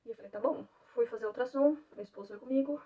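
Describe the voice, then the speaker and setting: A young woman, a mother, telling her own story in an animated way and acting out the dialogue. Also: on the high side, fast, breathy edge. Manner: animated, acts out quoted dialogue, laughs often. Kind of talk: emotional personal storytelling. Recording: distant mic, dull lo-fi sound, faint noise.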